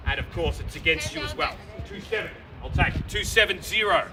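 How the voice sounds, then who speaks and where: High-pitched male auctioneer calling bids outdoors. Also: brisk, music in the background. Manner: projected, emphatic, repetitive bid calling. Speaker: property auctioneer. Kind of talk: live auction calling to a crowd. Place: outdoors in a residential street. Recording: distant mic, noisy street with vehicles.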